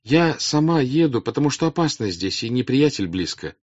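An anxious young noblewoman pleads in a high, strained, raised voice, as a male reader puts her on. She sounds earnest and urgent, with slow, emphatic stresses. The audiobook recording is dull and dry, with no room sound. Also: big pitch swings, no room sound. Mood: earnest pleading. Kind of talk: audiobook character reading.

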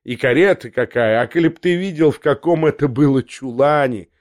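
A man's voice: mid-range voice, a little fast, a little mellow, dry recording, close to an everyday voice. A crude young schemer talks in a pushy, sneering way, voiced by a man. The sound is dry and close to the mic. It is a storybook reading. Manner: brash, coaxing, sneering.

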